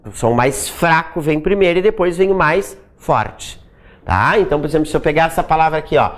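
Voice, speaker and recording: Lively grammar teacher. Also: medium pitch. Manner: ends nearly every point with "tá?" or "né?"; stretches out example words slowly to demonstrate sounds. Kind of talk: recorded exam-prep video lesson.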